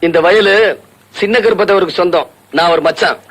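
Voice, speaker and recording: A defiant young village man stands his ground in a film drama. His voice is fairly high and bright, firm and challenging. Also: brisk, rough recording. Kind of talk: Tamil film acting.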